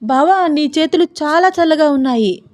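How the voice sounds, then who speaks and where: A woman's voice: on the high side, measured pace, dark tone, dry recording, close to an everyday voice. Shy, tender young bride in a romance audiobook, played by a woman; hesitant, dry close sound. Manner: bashful, hesitant.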